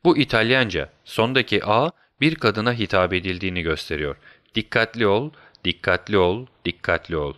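A man voicing a sharp, eager middle-aged male detective who talks in quick, incisive bursts. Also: lowish voice, lively intonation, no room sound. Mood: explaining.

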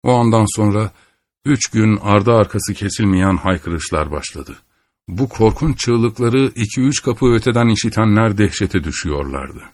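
Man, audiobook narrator, measured solemn reading, low voice, dry close sound. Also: animated, dry recording. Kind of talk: scripted literary narration.

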